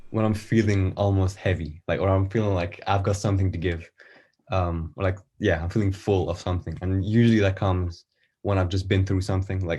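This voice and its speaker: A man from Iran, an artist guest on a podcast, talking casually and thinking aloud with many pauses and fillers. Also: sits low, darkish tone.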